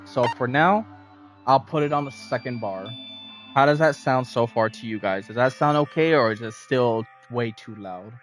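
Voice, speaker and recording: A man's voice: medium pitch, normal speed. A man with a mid-range voice streams a game in a casual way. He chats to viewers and reads aloud, with faint game music underneath.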